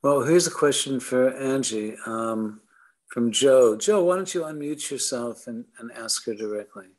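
An older man moderating a casual Zoom Q&A from home, halting and repeating words as he starts. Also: medium pitch, darkish tone. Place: home room. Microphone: webcam on a video call.

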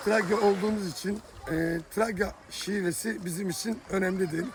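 A man's voice: high voice, steady tone, brisk, poor audio. A middle-aged man from Thrace with a Thracian Turkish accent, a beach simit seller who calls out teasing, joking sales lines and talks about his work. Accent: Thracian Turkish dialect. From Thrace, Turkey. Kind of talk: street hawking and short interview. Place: outdoors on a beach. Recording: outdoor wind noise on the mic.

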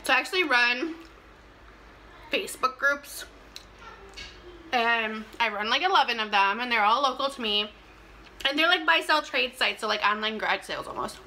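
With poor audio, clicks and clear background noise, a young mukbang vlogger talks animatedly as she eats on camera in a small, plain indoor room, sometimes between bites. Her fairly high voice is expressive and sharp, at a moderate pace with frequent pauses.

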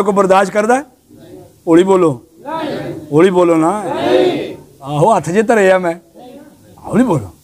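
High-voiced preacher, animated. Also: male voice. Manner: animated storyteller, swings between loud exhortation and low, hushed asides. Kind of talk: sermon to a live gathering.

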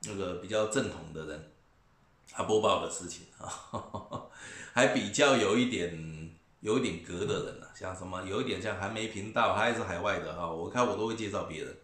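Low-voiced mocking man ranting. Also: normal speed, fairly bright tone. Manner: mocking, repetitive, scornful, chuckling. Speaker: vlogger commentator. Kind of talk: casual rant to camera. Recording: echoey room.

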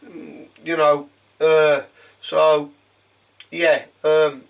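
A man's voice: on the high side, flat delivery, drawn-out words, vocal fry. A man, a leathersmith, rambling in a chatty, informal way as he records a casual video message to a customer from his home workshop.

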